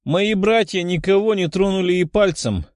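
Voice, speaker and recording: A man's voice: high-pitched, moderate pace, darkish tone, dry recording, studio quality, pitched above the performer's own voice, natural voice. A man voicing a haughty, sly young noblewoman in a storybook reading. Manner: sly, indignant.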